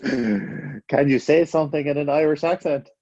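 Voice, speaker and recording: A man co-hosting a casual podcast, firing off quick questions and cracking jokes with frequent laughs. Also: fairly high pitch, a little mellow, dry recording, lo-fi sound. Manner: jokey, laughs often. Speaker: podcast co-host.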